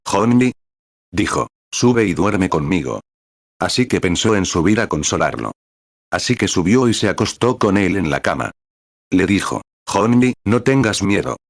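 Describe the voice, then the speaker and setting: A man voicing a translated audio letter, telling stories and quoting conversations in an unhurried storytelling way. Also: fairly low pitch, no echo, clean studio sound. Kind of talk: reading a personal recorded letter aloud.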